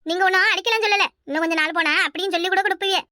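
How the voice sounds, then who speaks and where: A woman's voice: extremely high pitch, racing, dry recording, studio quality. A woman voicing a bitter, complaining young wife in a cartoon, speaking with a Kanyakumari Tamil accent. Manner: bitter, complaining, sharp-tongued. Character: hurt young wife, beaten by her husband. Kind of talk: cartoon voice acting.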